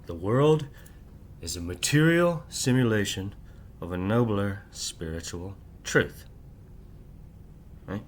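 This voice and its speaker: A middle-aged man hosting his channel speaks slowly but with lively intonation in a lowish voice, recorded with slight background noise. It's a late-night, solo monologue to camera; he rambles, says "right?" after nearly every thought, and keeps his volume down for his sleeping family.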